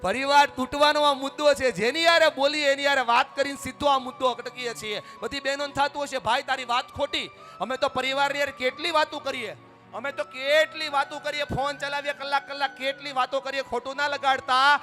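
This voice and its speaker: A man giving an energetic motivational speech at a family gathering. He exhorts the audience and leads them in call-and-response chants, sometimes shouting. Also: very high voice, brisk, faint music behind.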